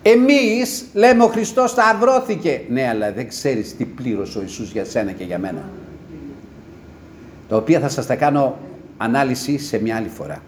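A man preaching a sermon with passion, rising to loud cries and dropping to low murmurs. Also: animated, pauses often, a little hiss or hum.

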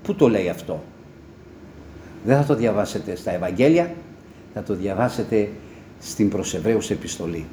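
Guy preaching a fired-up sermon, voice swings high and low, bit of faint hiss. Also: animated, long pauses. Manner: impassioned, swinging between loud cries and low murmurs.

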